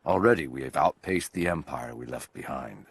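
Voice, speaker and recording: Stately, proud male overseer; very deep, husky. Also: expressive, moderate pace, no room sound, exaggerated voice. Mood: solemn. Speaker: game character, founder overseer. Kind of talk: formal journal narration.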